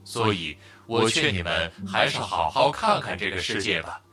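An actor voicing a calm, all-powerful talking machine with a metallic voice in an audiobook. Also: male voice, on the low side, normal speed. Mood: warning.

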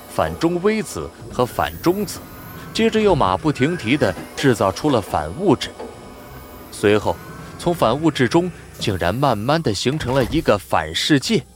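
A man narrating an audiobook in a scripted, expressive storytelling style. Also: medium pitch.

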